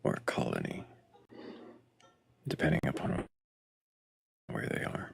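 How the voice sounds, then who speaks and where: A man hosting a casual live chat show, joking in a mock-serious way. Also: a little slow. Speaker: host.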